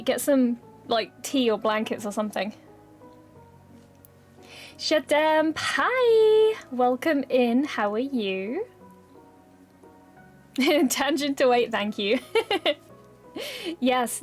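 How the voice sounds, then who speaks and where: High-voiced bubbly woman streamer. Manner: bubbly and excitable, laughs often, swears freely. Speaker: live streamer. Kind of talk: casual chat with live viewers.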